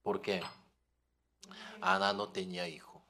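A man preaching a sermon, often asking the congregation questions and telling lively everyday stories. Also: low-pitched, a little slow, gravelly, a little hiss or hum. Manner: questioning the audience, animated storytelling.

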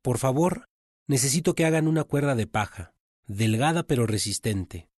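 A man's voice: medium pitch, moderate pace, a little mellow, dry recording, clean studio sound, close to an everyday voice. A man voicing a wealthy male master who speaks politely to his servants. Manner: polite, courteous.

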